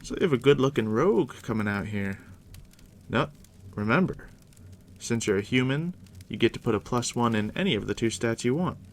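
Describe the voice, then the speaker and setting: Speaking right up close to the listener, a man plays a game master easing a new player into the game in a deep, soft ASMR whisper. His delivery is expressive yet unhurried and comforting.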